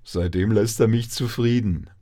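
A man's voice: sits low, steady tone, slow, no room sound, clean studio sound. A man doing a brash country mouse. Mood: boasting. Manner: loud, scolding.

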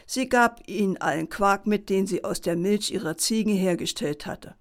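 A woman calmly reading a bedtime story aloud in a gentle, measured way. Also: medium pitch.

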